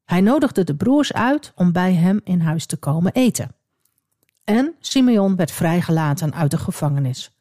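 A woman telling a Bible story for children in a lively, expressive way, with small asides to the listener. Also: on the low side, normal speed, no echo, studio quality.

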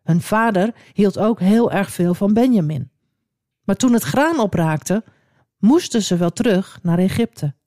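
A woman telling a Bible story to children in a gentle, expressive way. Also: mid-range voice, measured pace, no echo, studio quality.

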